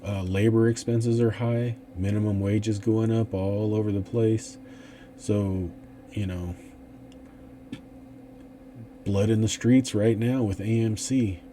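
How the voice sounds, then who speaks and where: A man's voice: on the low side, fairly even intonation, slow, long pauses, mellow, a little hiss or hum. A man hosting an investing channel, talking through stock picks in a casual, rambling way with many fillers and restarts. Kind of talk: casual stock analysis talk.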